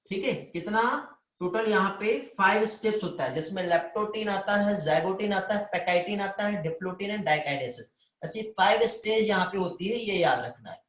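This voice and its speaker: A man's voice: sits high, a bit bright, echoey room. A man teaching biology in a live online lecture, calling students "beta" and often checking whether they understand.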